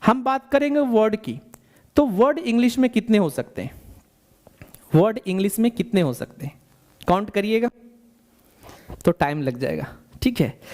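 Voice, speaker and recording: A man teaching a bilingual spoken English lesson, explaining step by step, repeating questions to the learner and slowing down to dictate definitions. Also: high voice, darkish tone.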